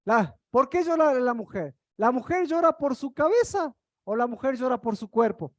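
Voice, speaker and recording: Woman preacher, high voice, dry close sound, keeps asking the crowd questions. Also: very animated, no echo. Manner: asks the congregation rapid rhetorical questions. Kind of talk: sermon.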